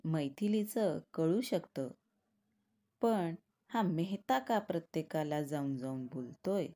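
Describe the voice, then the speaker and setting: A woman's voice: low-pitched, lively intonation, slow, dark tone, full character voice. A woman voicing a curious young man who has just joined the office. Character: curious young male new employee.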